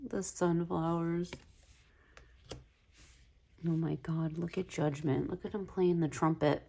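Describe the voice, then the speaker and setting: Slow-talking, chatty woman with a lower voice. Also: little pitch movement, gravelly, warm tone. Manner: chatty, gushing, many "like" fillers. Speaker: tarot video creator. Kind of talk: casual deck walkthrough.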